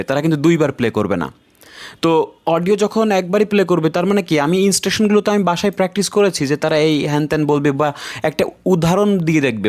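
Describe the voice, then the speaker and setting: A man with a Bangladeshi Bengali accent teaching an exam-prep lesson, explaining step by step and often checking in with his listeners. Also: fairly high pitch. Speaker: IELTS tutor.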